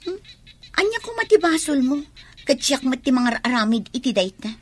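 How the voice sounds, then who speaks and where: In a Filipino radio drama, an actress with an Ilocano accent plays a coaxing young student juggling two lovers. Her high female voice is very animated and defiant, delivered at a moderate pace.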